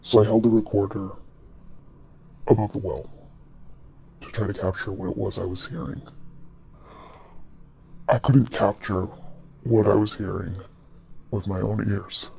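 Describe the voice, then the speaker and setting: A man playing a shaken forensics technician, speaking haltingly with long pauses in a mock documentary interview. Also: fairly low pitch, steady tone, vocal fry, dark tone. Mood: haunted, uneasy. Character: shaken male forensics technician recounting a haunting. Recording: background noise with room ambience.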